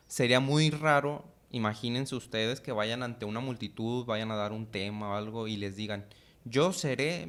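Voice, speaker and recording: A man's voice: medium pitch, smooth. A man with a Mexican Spanish accent co-hosting a church podcast, explaining a Bible topic in a casual, friendly way with lots of fillers and tag questions. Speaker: podcast co-host teaching Bible. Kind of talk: casual Bible teaching chat.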